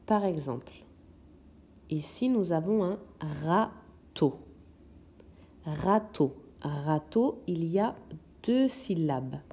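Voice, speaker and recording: A woman's voice: deep voice, expressive, very slow, pauses often, dark tone, breathy edge. A woman teaching young children in a recorded lesson, patiently sounding out words syllable by syllable. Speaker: kindergarten teacher.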